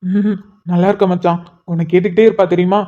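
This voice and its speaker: Here a woman plays a cartoon character: a sentimental young man, emotional and pleading, tearfully and fondly greeting an old friend. She talks fast in a lowish, warm, steady voice that stays close to her everyday one, on slightly muffled lo-fi audio.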